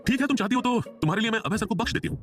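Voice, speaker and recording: A man voicing a teasing, quick-tempered college girl with a sharp, mocking manner. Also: high-pitched, very animated, soft background music, pitched above the performer's own voice.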